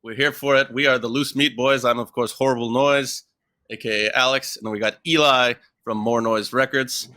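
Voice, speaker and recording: A man from Canada hosting a casual interview podcast, chatty and jokey with quick asides. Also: medium pitch, fairly even intonation, sharp tone. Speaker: podcast host.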